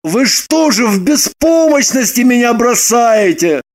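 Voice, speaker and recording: An actor playing an excitable young man who bursts into shouts and pleads desperately. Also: very high voice, measured pace, exaggerated voice. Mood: pleading. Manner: loud, shouting outbursts.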